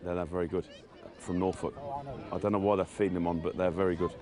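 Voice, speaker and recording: A man's voice: low voice, little pitch movement, quick pace, a crowd in the background. A man in his forties from England, a rugby coach answering interview questions hesitantly, with many ums and laughing asides.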